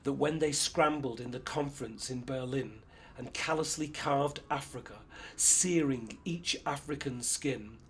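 A man performing a spoken-word poem in a measured, rhythmic declaiming voice. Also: mid-range voice, a little hiss or hum. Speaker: poet.

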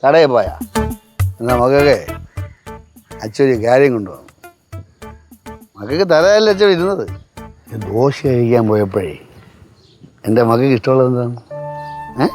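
A man's voice: mid-range voice, expressive, normal speed, long pauses, a little mellow, close to an everyday voice. An actor playing a drunk, doting older father who pleads with his daughter in a slurred, repetitive way, in a TV sitcom. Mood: coaxing. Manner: slurred, pleading, repeats endearments. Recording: TV sitcom with music underneath.

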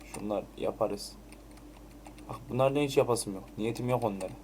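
A man's voice: lowish voice, moderate pace, a little mellow, slight background noise. A man giving casual, chatty commentary while playing Minecraft, swearing now and then and muttering item names over and over as he crafts. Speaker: Minecraft let's play creator.

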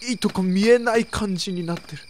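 A young woman streamer chatting excitedly through a horror game, with sudden shrieks. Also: mid-range voice, fast, slight background noise. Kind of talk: let's play commentary.

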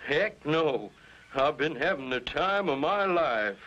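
A man's voice: a little high, expressive, slow pace, pushed and bright, exaggerated voice. A man voicing a fretful middle-aged rancher and father in a cartoon, speaking in an emphatic way. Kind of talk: 1950s cartoon voice acting. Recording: dull lo-fi soundtrack with music.

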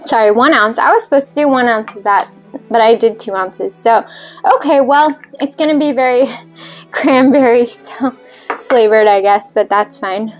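At a normal pace and in a voice on the high side, a woman hosts a cocktail video over faint music. Her talk is casual, chatty, and rambling, with fillers and self-deprecating jokes as she makes drinks.

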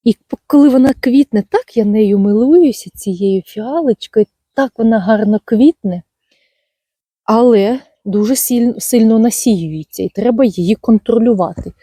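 A woman's voice: a little high, moderate pace, mellow, husky, dry recording. A woman hosting a gardening channel, chatting fondly and casually outdoors in her garden, full of tender diminutives. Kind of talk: casual garden walk-and-talk.

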